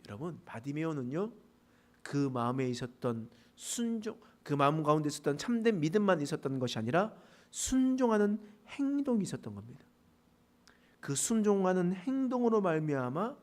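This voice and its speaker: Animated high-pitched pastor preaching. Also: male voice. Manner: animated preaching with rhetorical questions to the congregation. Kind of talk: sermon. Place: church sanctuary.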